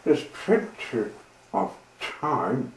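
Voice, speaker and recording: A man voicing a calm, easygoing train driver in a storybook reading. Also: mid-range voice, drawn-out words, voice pushed up. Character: calm steady male engine driver. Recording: roomy with faint hiss.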